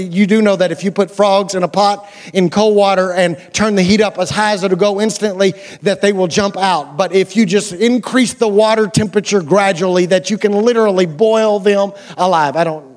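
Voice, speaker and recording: An American man with a high voice delivers a sermon as a pastor, talking in a colloquial, conversational way. He asks his listeners questions and leans on repeated phrases to drive points home.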